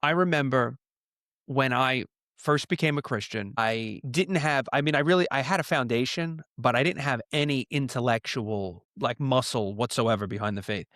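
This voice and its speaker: A man's voice: medium pitch, normal speed, no echo, clean studio sound. Earnest man in his thirties from New York. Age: 30s. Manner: earnest, storytelling, lively. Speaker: pastor guest. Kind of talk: casual conversation.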